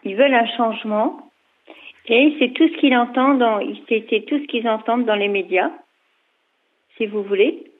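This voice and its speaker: A woman's voice: fairly high pitch, moderate pace, long pauses. A woman in her fifties of Portuguese family, a retired social mediator, talking hesitantly with many fillers on a radio phone-in. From Portugal (parents). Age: 50s. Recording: tinny phone line.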